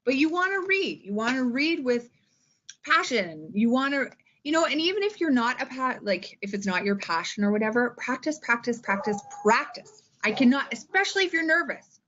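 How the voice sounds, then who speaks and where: A woman with a high voice and fairly bright tone speaks as a teacher, offering reading-aloud tips in an informal instructional talk. She's theatrical and emphatic, regularly checking in with the listener, and the recording is muffled.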